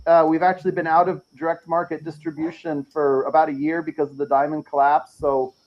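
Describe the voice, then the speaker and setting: A man's voice: a little high, level tone, brisk, muffled recording. A man, a comic creator guest on a video call, chatting casually with lots of restarts and repeated words. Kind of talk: casual podcast chat.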